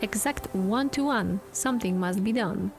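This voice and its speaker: A woman's voice: medium pitch, normal speed, close to an everyday voice. A woman doing a stiff robotic customer. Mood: stiff formal. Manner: flat robotic formal delivery. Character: stiff formal café customer giving a presentation. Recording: music playing behind.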